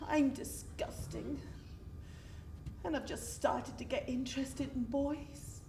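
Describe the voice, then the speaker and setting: A woman playing a romantic, dramatic, self-mocking teenage girl named Mary in a one-woman stage monologue, theatrical and swinging between giddy and hushed. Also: high-pitched, slow, gravelly, far from the mic, noisy background, exaggerated voice. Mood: wry. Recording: roomy stage sound from afar, music.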